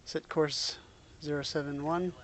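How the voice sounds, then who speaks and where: A man's voice: on the high side, little pitch movement, unhurried, a bit bright. A man streaming a game, giving casual commentary mixed with spoken commands.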